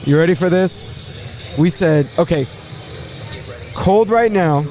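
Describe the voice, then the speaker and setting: A man hosting a casual live sports draft show, thinking aloud in a halting way and repeating words as he goes. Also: high voice, dark tone, faint music behind.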